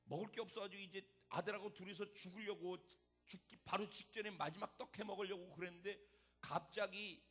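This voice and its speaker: A man preaching a sermon as pastor, dramatic and animated, acting out the voices in the story. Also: high voice, a little fast, husky.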